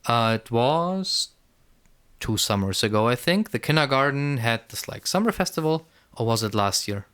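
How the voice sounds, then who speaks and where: A man's voice: mid-range voice, animated, normal speed, fairly bright tone, clean tone. A man co-hosting a casual podcast, rambling and repeating words as he thinks aloud. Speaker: podcast co-host. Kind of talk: casual conversational podcast chat.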